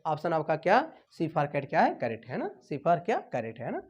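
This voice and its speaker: A woman teaching an exam-prep Hindi lesson, asking "what?" and repeating each answer back as a drill, her voice dropping quietly at the ends of phrases. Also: low voice, huge pitch swings, brisk, highs cut off.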